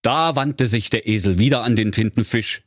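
A man's voice: medium pitch, moderate pace, a bit bright, no echo. A man narrating a comedic fairy tale for a radio play in a dry storytelling manner.

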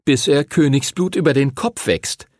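A man's voice: mid-range voice, normal speed, no echo, clean studio sound, pitched above the performer's own voice, lightly acted. A man reading an audiobook and voicing a cocky teenage boy who talks in a mocking, grinning way.

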